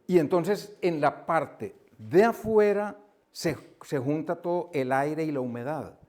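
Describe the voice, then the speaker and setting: A man's voice: fairly high pitch, animated, measured pace, darkish tone. A man retelling a novel at a book club, telling it as a story, laughing often and repeating himself. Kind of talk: casual book discussion. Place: coworking room with a small group.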